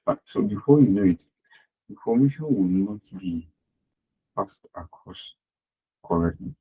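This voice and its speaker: An accounting lecturer teaches an online class in a lowish, expressive voice that's a little slow and has a breathy edge. He repeats his points and poses rhetorical questions to the class, and the online class audio sounds narrow and tinny.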